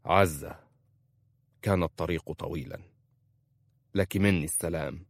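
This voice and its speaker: Man doing a stubborn young bedouin husband, short and insistent, deep low voice, dry. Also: measured pace, vocal fry, dry recording, heavily acted. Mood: weary. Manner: terse, insistent demands. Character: determined young Bedouin husband returning home.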